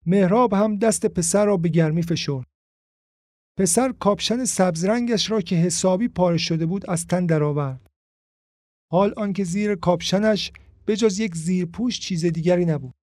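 High-voiced male storyteller, dry sound. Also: darkish tone, no echo. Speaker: audiobook narrator. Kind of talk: storybook narration.

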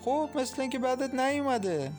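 A man reading an audiobook, voicing a calm, loving young mother who talks softly and teases her sister warmly. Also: extremely high pitch, faint music behind, voice pushed up. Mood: teasing. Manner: soft, reassuring, teasing. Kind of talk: audiobook character voice.

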